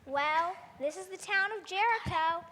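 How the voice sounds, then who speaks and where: A woman's voice: very high voice, measured pace, bright, forceful tone, in a large hall, a little hiss or hum, full character voice. A woman voicing a short, pompous male tax collector in a cartoon, boastful and self-important. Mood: smug. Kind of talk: cartoon acting.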